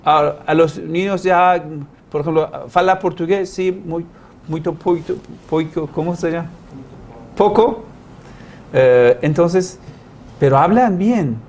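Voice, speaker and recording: A man's voice: fairly high pitch, measured pace, darkish tone. Man lecturing in non-native Spanish. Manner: explanatory, with rhetorical questions and homespun examples; humorous asides. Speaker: religious teacher giving a language-learning lecture.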